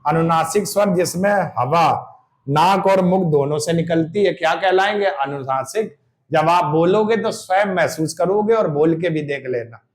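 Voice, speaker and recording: A man's voice: fairly high pitch, normal speed. A man teaching Hindi grammar for exam prep, sounding out examples and answering his own questions.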